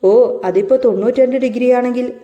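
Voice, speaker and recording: A woman's voice: on the high side, brisk, dark tone, roomy sound, muffled recording, close to an everyday voice. Krishnamol, a teasing, fussy young woman, read by a woman. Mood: teasing concern. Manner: teasing, persistent questioning.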